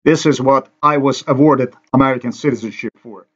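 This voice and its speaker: A man's voice: medium pitch, fairly even intonation, a little fast, husky, lo-fi sound. A man from Slovenia, a native Slovenian speaker, giving an angry, accusatory, repetitive monologue over a screen recording.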